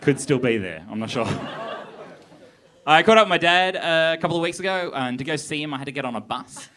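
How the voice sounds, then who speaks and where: Deadpan young comic, crowd laughing. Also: male voice, fairly high pitch, a little fast. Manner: deadpan, awkward self-deprecating delivery. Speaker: stand-up comedian. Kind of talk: stand-up set. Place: large theatre stage. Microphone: handheld stage mic. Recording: live theatre with crowd laughter. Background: audience laughter.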